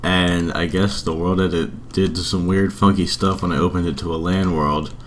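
A young man giving casual, rambling game build commentary in a subdued voice, keeping quiet at night. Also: sits low, little pitch movement, normal speed, slight background noise. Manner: rambling, informal. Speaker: video creator.

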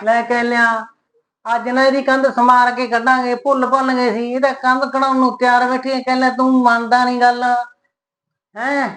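A lazy village mason man, as a woman acts him out, speaking with a Punjabi accent. His voice sits high and stays flat and unhurried, and he shrugs off every complaint with teasing ease. It is comic short-film acting. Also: natural voice. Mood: easygoing teasing. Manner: easygoing, teasing, brushes off complaints.

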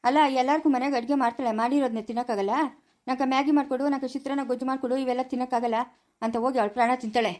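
Woman doing a grumbling grown daughter, high mellow voice. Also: fairly even intonation, lightly acted. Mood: complaining. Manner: complaining, quick. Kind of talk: home-made family drama.

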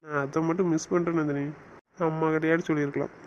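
A man's voice: on the high side, flat delivery, fast, highs cut off, slight background noise, close to an everyday voice. A man playing a teasing, bossy young husband in an audio romance series, scolding his wife in playful banter.

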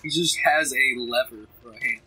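A man's voice: medium pitch, pushed and bright, husky, soft background music, rough recording. A man casually chatting as co-host of a video game let's play, reacting with dry jokes. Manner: dry, quick reactions and joking quips. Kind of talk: casual gameplay chat.

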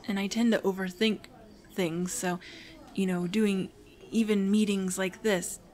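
Lightly acted at a measured pace, her medium-pitched voice is steady and a little mellow. She voices a timid teenage hero-in-training in a romantic audio roleplay, hesitant and apologetic, stammering and prone to nervous rambling.

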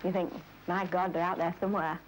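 A woman speaks informally as an interviewee. The pitch is slightly low, and old film sound adds faint noise. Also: flat delivery, a little fast, poor audio. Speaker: wife of a lifeboat crewman.

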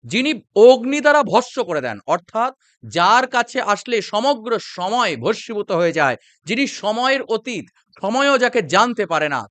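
A man with a Bengali accent teaching a devotional mantra, chanting it slowly and then explaining its meaning line by line. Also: high-pitched, no echo. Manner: slow drawn-out chanting, then steady explanation.

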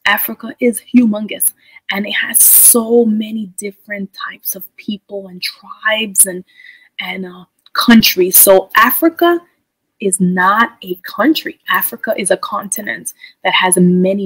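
A woman's voice: medium pitch, fairly bright tone, slightly rough, poor audio. A middle-aged woman teacher from the Dominican Republic, explaining things step by step in a chatty way and asking her viewers questions. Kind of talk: educational video presentation.

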